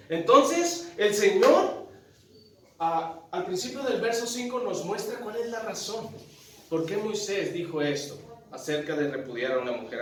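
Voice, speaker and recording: A man preaching a sermon to his congregation in an animated, direct way, often asking them questions. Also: on the high side. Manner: animated, addresses congregation directly, tells a joke story. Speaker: pastor. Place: large church hall. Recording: very echoey church hall, mic at a distance.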